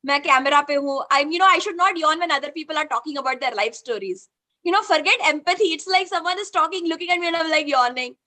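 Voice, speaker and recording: A woman's voice: very high voice, quick pace. A woman with an Indian accent who leads a group session and tells a participant's story animatedly, mixing English and Hindi, over a video call. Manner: animated, mixes English and Hindi, many "you know" fillers. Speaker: spiritual session facilitator.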